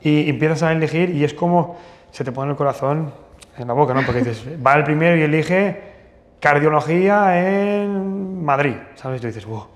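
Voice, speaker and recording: Telling anecdotes as an interview guest, a plastic surgeon from northern Portugal uses a voice on the high side at a moderate pace. He hesitates, restarts, and fills gaps often, and the sound echoes with long hall reverb.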